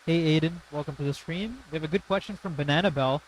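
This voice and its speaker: A man's voice: a little high, quick pace, a little hiss or hum, rough recording. A man co-hosting a live stream, chatting casually in a friendly way and answering viewer questions. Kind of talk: casual chat.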